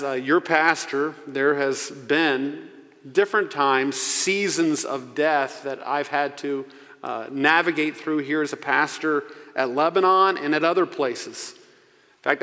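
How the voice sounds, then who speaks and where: A man in his forties preaching a sermon into a pulpit microphone as pastor. He speaks earnestly and slows down to stress key phrases. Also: a little high, bright, forceful tone. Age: 40s. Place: church sanctuary. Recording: long church reverb.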